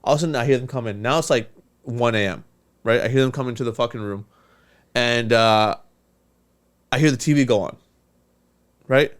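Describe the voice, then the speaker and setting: A man telling a story in casual podcast chat, animated and profane, acting out the voices of the people in it. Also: medium pitch, a little fast, pauses often. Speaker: podcast co-host.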